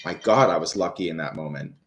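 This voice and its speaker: Against heavy background noise, a deep-voiced man in his thirties reads tarot live at a quick pace. He rambles, swears, and restarts with frequent fillers, talking to viewers and reading out what they ask.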